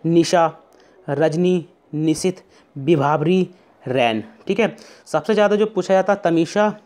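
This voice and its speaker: A young man with a North Indian Hindi accent teaching an online exam revision class. He explains step by step, often checks in with "theek hai", and slows down to repeat key words and verses. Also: sits high, expressive, a little mellow, smooth.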